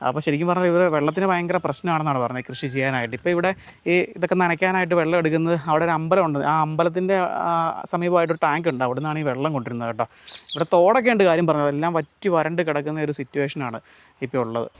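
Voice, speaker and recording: കേരളത്തിൽ നിന്നുള്ള ഒരു പുരുഷൻ, മലയാളി ഉച്ചാരണത്തോടെ, ഒരു കൃഷിയിടത്തിൽ നിന്ന് ക്യാമറയോട് സംസാരിച്ച് കാഴ്ചകൾ വിശദീകരിക്കുന്ന vlogger. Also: male voice, a little high, very fast, clean tone, highs cut off. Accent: Malayali. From Kerala. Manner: chatty, explains to viewers and mixes in Tamil words. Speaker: vlogger. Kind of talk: casual walk-through vlog. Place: outdoors on a farm.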